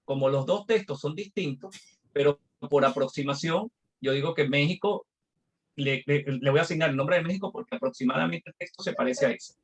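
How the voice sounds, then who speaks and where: A man's voice: on the high side, brisk. A male instructor teaching a live online class, explaining patiently step by step with examples.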